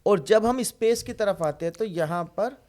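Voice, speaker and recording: A man's voice: high voice, lively intonation, moderate pace, a little mellow. A man, a Vastu consultant, giving instructive explanations in an interview and often checking in with his listener. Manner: instructive, checks in with "right?" and "isn't it?".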